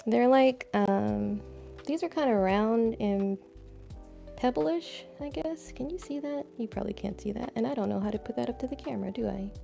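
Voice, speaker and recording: Young woman, gravelly voice, mellow tone, rambling casual chat, dull lo-fi stream mic, soft music behind. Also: on the high side, animated, normal speed. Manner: rambling, self-deprecating, chatty. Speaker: streamer gardening on her balcony. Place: home balcony. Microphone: desk mic, braids brushing it. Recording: dull lo-fi sound with faint music.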